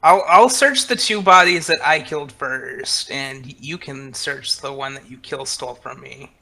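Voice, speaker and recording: High, bright-voiced man, whiny and joking. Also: a little slow. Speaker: player. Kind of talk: casual tabletop role-play chat.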